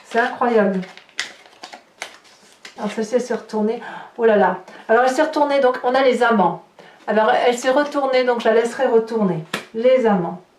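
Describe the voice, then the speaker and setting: A woman's voice: fairly high pitch, fast talker, darkish tone. A woman giving a tarot reading to her viewers, thinking aloud and exclaiming as she turns over cards. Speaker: tarot reader. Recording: roomy echo, voice somewhat far from the mic, faint noise.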